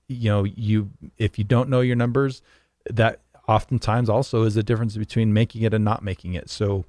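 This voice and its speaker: A man's voice: fairly low pitch, a little mellow, no echo, clean studio sound. A man in his forties co-hosting a podcast, chatting casually and often repeating words as he starts his sentences. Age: 40s. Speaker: podcast co-host. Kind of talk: casual chat.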